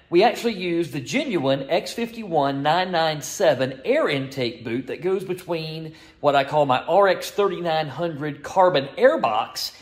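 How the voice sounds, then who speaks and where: A man in his forties running an engine shop, talking energetically in a casual vlog from a small indoor workshop, filmed with a phone held at arm's length. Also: a little high. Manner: energetic, salesman-like, blunt. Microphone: phone camera at arm's length.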